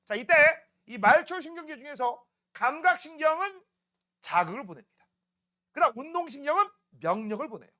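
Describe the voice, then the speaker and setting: A man's voice: very high voice, big pitch swings, brisk, sharp tone. A man teaching a middle school science class, joking and teasing students and constantly asking if they follow. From South Korea.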